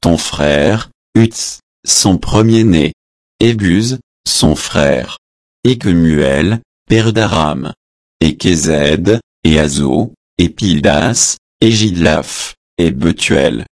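A man giving a measured, deliberate reading of scripture, even reading out the footnotes. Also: low-pitched, no echo, clean studio sound. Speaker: scripture reader.

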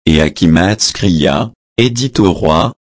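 Slow, very deep-voiced man reading scripture. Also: no echo. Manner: slow, measured reading that announces verse numbers. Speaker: scripture reader.

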